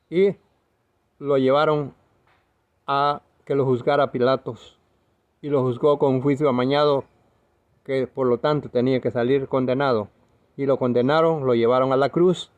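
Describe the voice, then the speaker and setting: A man's voice: medium pitch, narrow, tinny audio. A man preaching a video sermon in an earnest, emphatic way, now and then correcting himself.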